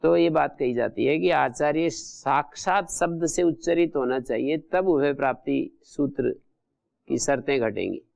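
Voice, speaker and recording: A man's voice: on the high side, a little slow, vocal fry, a little mellow. A man teaching a Sanskrit grammar lesson, methodically repeating and glossing each term. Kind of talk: classroom lecture explaining grammar rules.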